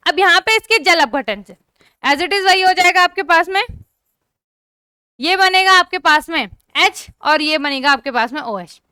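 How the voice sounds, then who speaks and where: A woman's voice: extremely high pitch, bright, forceful tone, no room sound, clean studio sound. A young woman teaching an online chemistry class, often stopping to check whether her students have understood. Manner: repeatedly checks understanding, asks students to comment.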